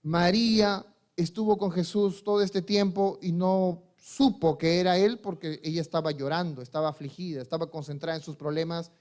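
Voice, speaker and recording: A male pastor's voice sits high as he gives a sermon with fairly even intonation. He quizzes the congregation and answers his own questions, switching between quiet, slow passages and loud, insistent ones.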